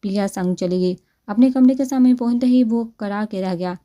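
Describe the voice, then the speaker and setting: A woman narrating a romance novel aloud in a steady, expressive reading. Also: a little high. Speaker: audiobook narrator.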